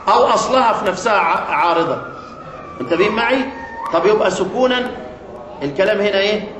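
Egyptian guy teaching a class, high voice, keeps quizzing everyone, roomy echo. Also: a bit bright. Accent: Egyptian Arabic. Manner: keeps asking the class rhetorical questions and repeating key words. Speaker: Quran recitation teacher. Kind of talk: classroom lesson explaining a poem on tajweed rules. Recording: echoey room with faint noise.

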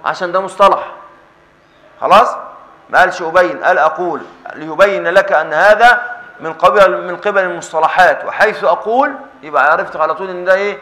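A man's voice: high-pitched, fast talker, sharp tone, poor audio. A man with an Egyptian Arabic accent teaching Islamic jurisprudence, explaining a text and constantly quizzing his students for the answers. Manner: constant call-and-response questioning of students. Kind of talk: classroom lesson explaining a text.

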